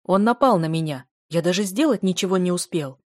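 Arrogant male healer, read by a woman for an audiobook, mocking and loud, dry close sound. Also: lowish voice, expressive, a little fast, no room sound, lightly acted. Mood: whining. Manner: jeering, cackling. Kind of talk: audiobook character voice.

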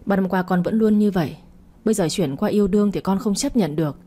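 A woman's voice: mid-range voice, fast, mellow, breathy edge, natural voice. A woman reading the part of a frank young woman who keeps refusing a suitor, in a storybook reading. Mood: reluctant. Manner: frank, reluctant.

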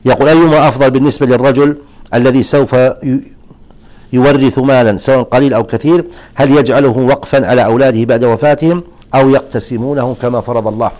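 A man who is an Islamic scholar, answering listeners' religious questions in a measured, explanatory lesson with frequent restarts. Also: medium pitch, steady tone, a little mellow.

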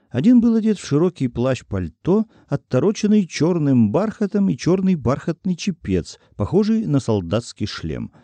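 Man, audiobook narrator, expressive storytelling, lively pitch, dry close sound. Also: no room sound.

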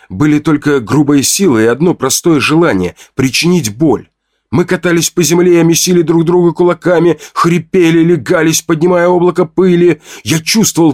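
A man's voice: on the high side, darkish tone, dry recording, clean studio sound. A man giving a tense, dramatic first-person audiobook narration.

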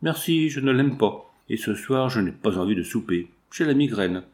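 A man voicing a sharp-tongued young redheaded chorus girl, snapping back with dismissive retorts. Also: medium pitch, lively intonation, normal speed, natural voice. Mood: snappish.

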